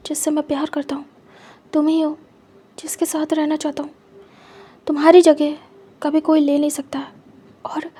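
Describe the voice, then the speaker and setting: A woman voicing a devoted young husband who speaks in a soft, hushed, reassuring way. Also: high voice, close to an everyday voice.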